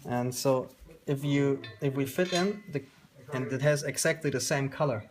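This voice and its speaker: A German-accented man in his thirties, who founded the company, talks through his work on an informal workshop tour, regularly searching for words. He has a mid-range voice and a moderate pace. The sound is roomy handheld video from a camera a couple of metres away in a small indoor workshop, with background noise and clicks.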